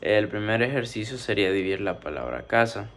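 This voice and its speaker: A man's voice: fairly low pitch, a little hiss or hum. A man teaching a spoken grammar lesson, methodically working through numbered exercises and drawing out syllables as he splits words. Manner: steady explaining, drawn-out syllables.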